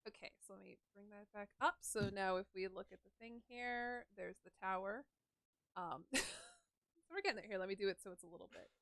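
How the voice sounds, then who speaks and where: A woman's voice: medium pitch, fairly quick, a bit bright, no room sound, clean studio sound. A woman narrating as game master of a tabletop game, rambling and giggly with lots of fillers.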